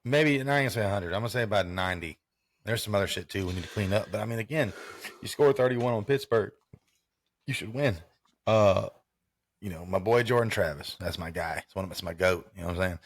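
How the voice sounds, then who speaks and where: A man's voice: on the low side, fast, no echo. A man co-hosting a podcast in casual sports chat, rambling and repeating himself as he talks. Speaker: podcast co-host.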